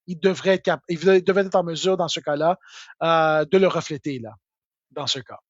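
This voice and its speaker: A Québécois man explains tax rules in a live question session, chatty and full of fillers. His voice sits high. The sound is dry and a little dull. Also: moderate pace, no room sound. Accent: Québécois French. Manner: informal, full of filler words and tag "là". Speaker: tax software expert answering questions.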